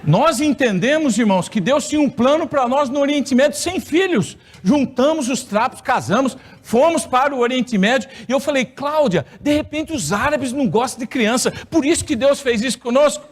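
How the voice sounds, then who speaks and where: High-voiced Brazilian pastor telling a story. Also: male voice, expressive, normal speed, few pauses. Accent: Brazilian Portuguese. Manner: storytelling with playful humor. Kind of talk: sermon testimony. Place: church hall.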